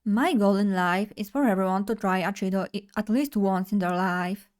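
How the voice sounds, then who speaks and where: A young Polish woman streams as a vtuber, chatting casually and bubbly while speaking directly to her chat. Her voice is medium-pitched and darkish, with a steady tone at a moderate pace.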